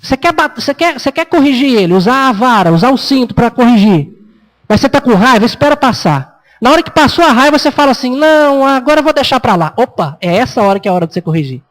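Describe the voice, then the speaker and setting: A man's voice: very high voice, very animated, quick pace, a bit bright, rough recording. A Brazilian man, a pastor, preaching a sermon in a conversational way, acting out parents and children in a raised voice. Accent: Brazilian Portuguese. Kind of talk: expository sermon.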